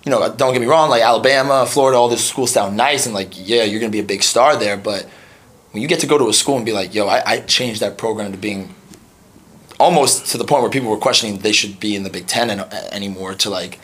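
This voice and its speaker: A young man hosting a podcast, talking casually with lots of fillers and quick agreeing interjections. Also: lowish voice, fairly bright tone. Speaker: podcast host. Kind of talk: casual chat.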